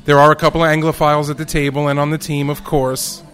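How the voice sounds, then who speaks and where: A man's voice: on the high side, level tone, fast talker, a bit bright. A man with a New York accent hosting a podcast with playful, chatty, theatrical banter. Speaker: podcast host.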